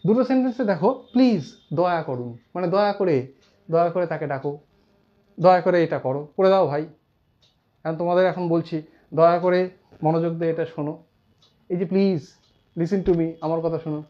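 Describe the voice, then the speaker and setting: English teacher guy, fairly high voice, dull lo-fi sound, repeats stuff slowly. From India. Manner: explains slowly, repeats terms, quotes example sentences. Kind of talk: classroom grammar lesson.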